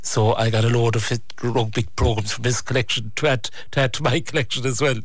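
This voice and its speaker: A man's voice: medium pitch, steady tone, fast talker, no echo. A man with an Irish accent reminiscing conversationally as an interview guest.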